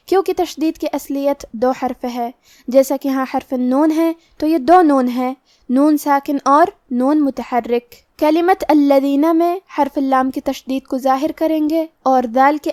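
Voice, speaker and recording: A woman with a Pakistani Urdu accent teaching a tajweed lesson, explaining each sound slowly and deliberately. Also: high-pitched, a little mellow, no echo, studio quality. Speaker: Quran recitation teacher.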